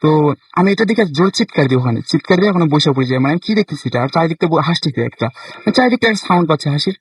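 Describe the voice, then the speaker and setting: A young man from Bangladesh shares a spooky personal story with a radio show. His voice sits a little high and husky. The sound is close and dry, and he halts often, restarting his sentences. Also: lively intonation, racing, no room sound, poor audio. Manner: hesitant, many fillers and restarts. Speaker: caller sharing a ghost experience. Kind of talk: casual first-person storytelling.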